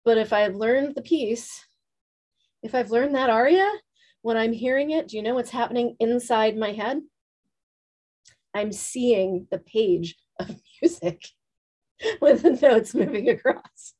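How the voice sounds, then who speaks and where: A woman leading a workshop, talking quickly and asking the room questions. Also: on the high side, a little mellow. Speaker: workshop teacher. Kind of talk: teaching a live group.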